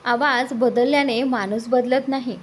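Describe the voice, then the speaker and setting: A woman's voice: on the high side, steady tone, unhurried, slight background noise, lightly acted. Woman voicing a young wife in a romance. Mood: playful. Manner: pleading, teasing. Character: young wife, startled then playful.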